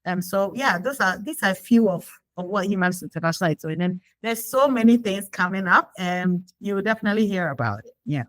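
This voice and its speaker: A woman's voice: mid-range voice, animated, a little fast, hardly any pauses, no echo, rough recording. A woman from Ghana being interviewed, talking reflectively with frequent fillers and restarts. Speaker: guest. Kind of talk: conversational interview.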